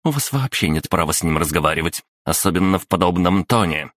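A man with a very deep voice voicing a stern, formal middle-aged headmistress in an audiobook, speaking firmly in clipped phrases. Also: animated, quick pace, fairly bright tone, dry recording, studio quality.

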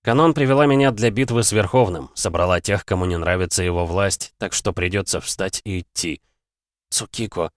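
Deep-voiced male audiobook narrator. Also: fairly quick, few pauses, dry recording, clean studio sound. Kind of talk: scripted first-person audiobook narration.

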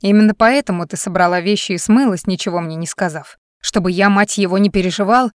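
A woman's voice: mid-range voice, quick pace, clear, resonant tone, no echo, close to an everyday voice. Desperate man on the phone, urgent and swearing, read by a woman narrator. Dry, close sound. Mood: angry. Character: man, tense pleading lover on the phone.

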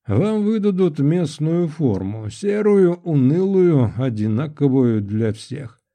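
A man voicing a proud middle-aged nobleman, a commanding father who speaks in a booming, jovial but stern way in an audiobook. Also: sing-song, takes it slowly, warm tone. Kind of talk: audiobook character voice.

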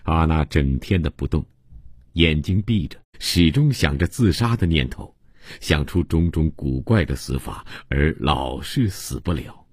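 A man narrating a translated novel for radio in a measured, even storytelling manner, close on a studio microphone. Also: rumbling low, husky, no echo. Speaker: audiobook narrator.

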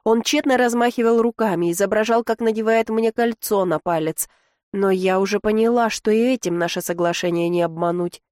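A woman's voice: mid-range voice, brisk, dry recording. Woman reading an audiobook, dry sound. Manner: expressive reading, voices the dialogue. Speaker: audiobook narrator. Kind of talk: first-person audiobook narration.

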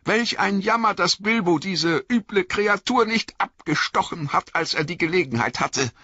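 A man's voice: high voice, animated, normal speed, pushed and bright, dry recording, voice pushed up, full character voice. A man voicing a frightened young male hobbit who talks in a pleading, agitated, raised voice, in an audiobook reading. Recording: dull lo-fi audiobook recording.

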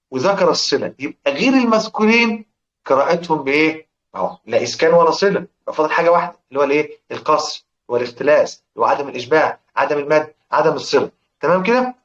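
A man with an Egyptian accent teaching a lesson on Quran recitation rules. He quizzes his students, answers his own questions and chants lines of verse. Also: fairly high pitch. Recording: echoey, dull lo-fi room recording.

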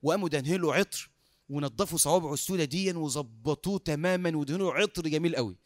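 A man with an Egyptian accent preaching through a lively story, acting out the dialogue and laughing often. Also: on the high side, rapid-fire, dry recording, clean studio sound. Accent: Egyptian Arabic. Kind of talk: sermon storytelling.

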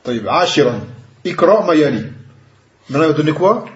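A man's voice: a little high, animated, racing, slight background noise. A man teaching an Arabic grammar lesson, explaining patiently and mixing in Arabic terms. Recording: echoey room, dull lo-fi sound.

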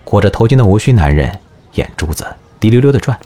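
Deep husky guy narrating an audio drama, lively tone. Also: quick pace. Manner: expressive storytelling.

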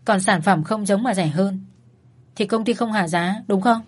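A woman voicing a calm, patient husband who gently comforts his crying wife. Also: moderate pace, slightly rough. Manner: gentle, patient, low-key.

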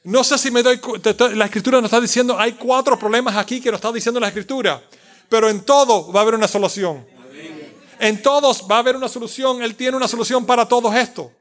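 A man's voice: extremely high pitch, quick pace, fairly bright tone. A man preaching a sermon in a conversational, joking way, slipping in English words and talking to the congregation.

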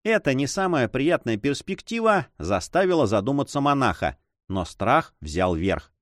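A man narrating an adventure novel in an expressive storytelling way. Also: mid-range voice, normal speed, no room sound, clean studio sound. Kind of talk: audiobook reading.

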